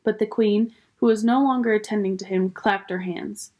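A woman teacher reading a children's book aloud with clear, expressive storytelling. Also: mid-range voice, normal speed.

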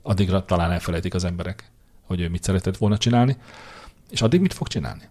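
A man with a very low, husky voice chats on a podcast, teasing his co-host and confidently making predictions. He talks in an opinionated, mocking way, with quick jabs and asides. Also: a little mellow. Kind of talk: casual political chat.

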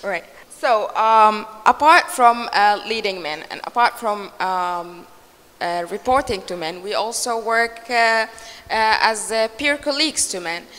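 A woman's voice: medium pitch, a little slow, a bit bright. Polite woman moderator, hall reverb. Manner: polite, hesitant, many fillers. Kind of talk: moderating a panel. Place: large conference hall stage. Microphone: handheld mic.

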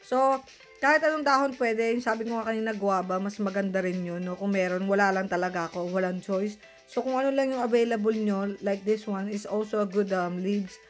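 A woman's voice: mid-range voice, steady tone, brisk, soft background music. Chatty Filipino woman vlogging while sick. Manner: chatty, addresses viewers as guys. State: sick with flu, voice changed. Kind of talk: casual cooking and gardening vlog.

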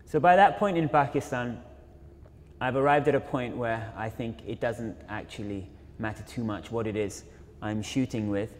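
A young man speaks in a middle-pitched voice, thinking aloud as he lectures, with frequent fillers and restarts. His words ring with the long reverb of a large university auditorium. The tone is an informal illustrated talk by a photographer. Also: darkish tone, slight background noise. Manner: reflective, many fillers and self-corrections. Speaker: photographer and filmmaker giving a lecture.

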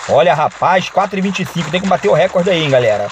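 A young Brazilian man with a Brazilian accent giving excitable gameplay commentary, shouting and chanting in the busy moments. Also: a little high, quick pace, noisy background. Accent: Brazilian Portuguese. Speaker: gaming YouTuber. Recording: loud game music underneath.

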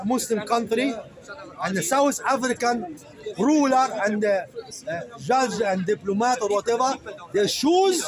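A man preaching fiercely to an open-air crowd in halting non-native English, calling his listeners "brother" and searching aloud for words. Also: very high-pitched, low-quality recording. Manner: fiery, emphatic, calls listeners "brother". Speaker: street speaker debating a crowd. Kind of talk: open-air soapbox debate. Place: outdoor public speaking area in a city. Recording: outdoor crowd noise. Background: crowd of listeners around him.

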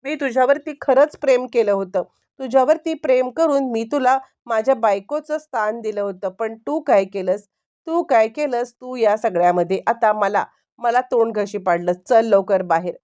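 A woman's voice: a little high, moderate pace, a little mellow, lightly acted. A woman reading a furious, accusing young husband. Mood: angry. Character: angry young husband confronting his wife.

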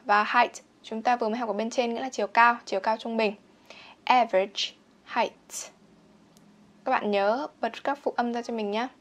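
A young woman teaching English vocabulary, explaining in Vietnamese and slowly repeating each English word for pronunciation practice. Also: a little high, steady tone, a bit bright. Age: young adult. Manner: repeats words slowly and clearly for drilling. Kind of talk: bilingual vocabulary lesson with pronunciation drills.

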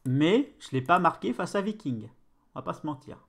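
A man streaming a football management game, commenting casually and excitably with bursts of play-by-play and swearing. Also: fairly high pitch, moderate pace, creaky.

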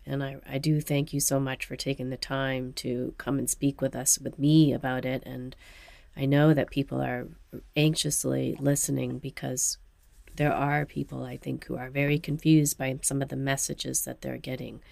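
A woman hosting a podcast interview, gentle and sympathetic with her guests. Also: rumbling low, creaky, dry recording. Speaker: podcast host.

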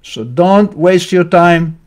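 A man's voice: sits high, expressive. An older man giving an earnest, emphatic sermon on scripture, speaking from his living room into a webcam. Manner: earnest, emphatic preaching with measured pauses. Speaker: spiritual teacher.

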